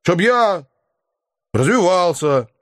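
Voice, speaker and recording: A coarse, defiant young lout whines in rough slang, as a man reads him in a storybook. The voice is pitched high and swings widely, and the recording is dry. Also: very animated, slow pace, fairly bright tone, no room sound, full character voice. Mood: crude. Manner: coarse colloquial speech.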